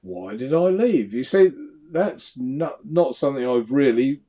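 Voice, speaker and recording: Chatty man with lively pitch. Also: measured pace. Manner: chatty, laughs often, trails off into mumbles. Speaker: co-host of a live vape show. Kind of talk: casual live-stream chat, reading viewer comments.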